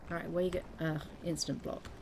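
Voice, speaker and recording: A woman's voice: on the low side, little pitch movement, fairly quick, noisy background. A woman chatting casually and playfully with viewers while streaming a game, throwing in silly beep-boop noises. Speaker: gaming streamer. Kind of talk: casual live gameplay chat.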